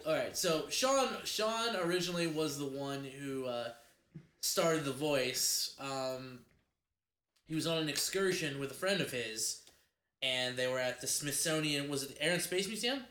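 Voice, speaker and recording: A man's voice: on the high side, measured pace, sharp tone. A man co-hosting a casual podcast, teasing and laughing as he tells stories. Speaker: podcast co-host. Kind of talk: casual chat. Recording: roomy echo.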